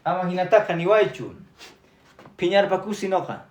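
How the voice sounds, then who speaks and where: A man's voice: high voice, lively intonation, moderate pace, echoey room, highs cut off. A man teaching Quechua on a live stream, chatty and upbeat, reading out viewer comments and repeating words.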